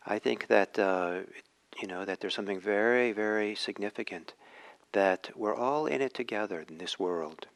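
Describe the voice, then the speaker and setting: A man from Norway, giving a reflective dharma talk with many pauses and restarts. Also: on the low side, a bit bright. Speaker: meditation teacher.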